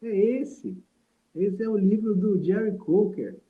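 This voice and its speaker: Over tinny video-call audio with slight background noise, a guest saxophonist and teacher from Salvador, Brazil, shares stories in a casual interview. He has a high voice and takes it slowly, reflective and rambling, filling his speech with many fillers.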